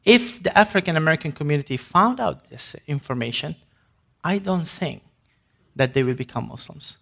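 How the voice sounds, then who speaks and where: A man's voice: a little high, animated, normal speed, gravelly, fairly bright tone. A man from Sudan giving an emphatic ministry presentation to an audience, with grammar and frequent restarts. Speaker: ministry speaker.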